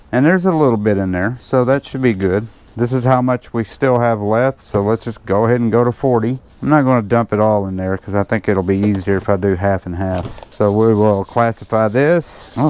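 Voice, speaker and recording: A man's voice: fairly low pitch, a little mellow, a little hiss or hum. A man hosting a gold panning channel, chatting casually and joking at his own expense as he works through a hands-on demonstration. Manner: chatty, joking self-mockery, talks while working. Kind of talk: casual hands-on demo vlog.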